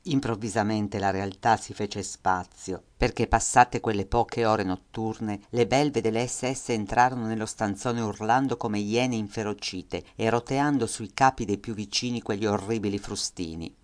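A man reading a first-person memoir aloud in a measured, grave manner. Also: fairly low pitch. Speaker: audiobook reader.

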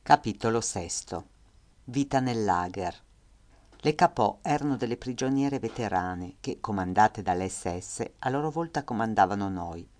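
A man reading a first-person memoir aloud in a measured, grave manner. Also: lowish voice, animated, darkish tone. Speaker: audiobook reader.

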